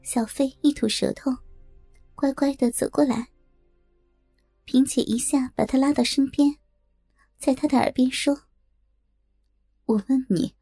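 High, gravelly-voiced woman narrator. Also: steady tone, measured pace, long pauses, mellow, soft background music. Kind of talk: first-person audiobook narration.

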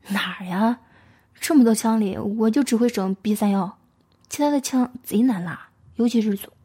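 A woman's voice: on the high side, moderate pace, mellow, slightly rough. A woman voicing a cocky male petty thief in his thirties who blusters and plays dumb, with a Northeastern Chinese accent. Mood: boastful.

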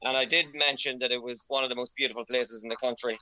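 Very bright, forceful Irish man. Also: mid-range voice, steady tone, fast, no room sound, low-quality recording. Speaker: interview guest, cyclist. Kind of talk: casual chat.

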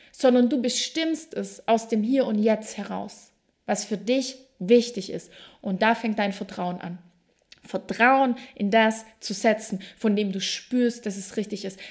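A woman hosting a self-help podcast, talking straight to the listener in a reflective monologue, slow and emphatic in places. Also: on the high side, a little mellow. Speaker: podcast host.

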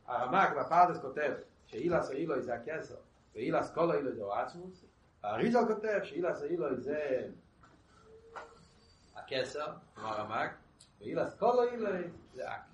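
Slightly high and sing-song, this Torah teacher's voice comes through a distant mic with a little hiss or hum in an echoey room. He teaches a text haltingly, repeating and restarting, asking rhetorical questions and answering them himself.

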